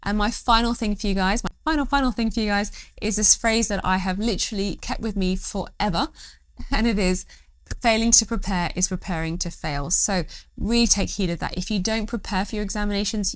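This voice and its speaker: Quick-talking woman doctor giving advice. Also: medium pitch, dry recording. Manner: encouraging, upbeat, direct. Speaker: doctor giving study tips. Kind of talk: educational talk to camera.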